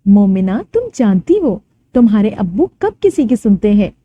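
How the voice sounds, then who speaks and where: A woman's voice: mid-range voice, very animated, moderate pace, dark tone, highs cut off. A woman storyteller voicing a stern, worried middle-aged mother who scolds her daughter firmly in a storybook reading. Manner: scolding, firm.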